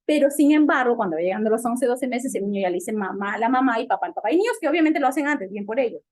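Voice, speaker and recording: A woman's voice: fairly high pitch, lively intonation, very fast, a little mellow. A woman doctor with a Peruvian Spanish accent, giving a medical lecture and asking and answering her own questions. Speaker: physical medicine doctor lecturing on child development.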